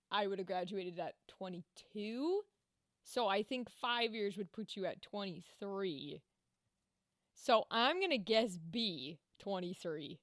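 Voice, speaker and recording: A woman's voice: mid-range voice, dry recording, clean studio sound. A young woman co-hosting a podcast, talking bluntly in casual chat, swearing freely and laughing often. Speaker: podcast co-host.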